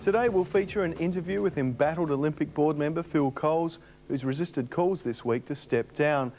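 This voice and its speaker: A man's voice: on the high side, moderate pace, darkish tone, faint music behind. A man with an Australian accent hosting a sports show, reading scripted sports news.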